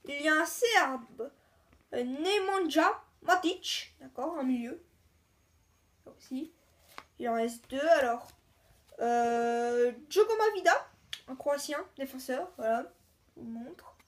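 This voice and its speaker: Woman host with a high pitch, easygoing and a bit halting, talking viewers through an unboxing. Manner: halting, chatty, lists names one by one. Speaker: video host. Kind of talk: casual card-unboxing commentary.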